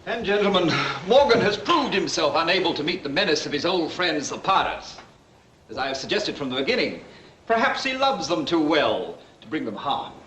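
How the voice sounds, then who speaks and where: An actor playing a pompous, insinuating gentleman politician in a 1940s period film. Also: fairly high pitch, big pitch swings, normal speed. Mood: sneering, indignant. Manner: pompous, oratorical. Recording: roomy, noisy 1940s film soundtrack.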